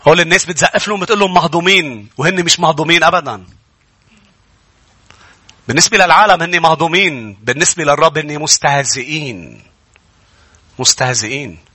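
A man with a Lebanese accent preaching a sermon as pastor, emphatic, swinging between raised urgent passages and hushed low ones. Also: quick pace, long pauses, husky, no room sound. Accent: Lebanese Arabic.

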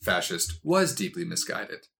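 A man's voice: lowish voice, sing-song, a little slow, creaky, bright, forceful tone, a little hiss or hum. A man co-hosting a casual film review podcast, talking in a rambling, hesitant way with lots of restarts. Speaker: podcast co-host.

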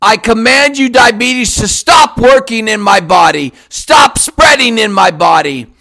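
A man declaring a healing prayer in a commanding, forceful way, with repeated shouted declarations. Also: high-pitched, expressive, measured pace, gravelly.

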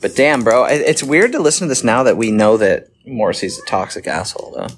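A man's voice: medium pitch, very animated, brisk, slight background noise. A young man co-hosting a casual chat, joking, laughing often and swearing freely. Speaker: podcast co-host.

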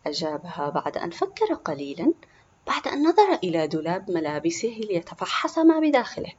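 A woman reading a scripted children's story aloud with expressive narration. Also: lowish voice, fairly quick, dull audio, a little hiss or hum.

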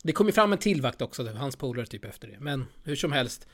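A man co-hosting a casual podcast, chatting in a relaxed, easygoing way. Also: medium pitch. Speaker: podcast co-host. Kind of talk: casual chat.

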